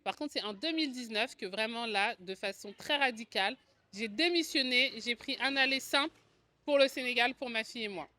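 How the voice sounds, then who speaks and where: A dry recording captures a French woman in her forties speaking a little fast in a slightly high, pushed, bright voice. As a video channel host and agency co-founder, she shares her own story to camera conversationally and explanatorily, with a French accent.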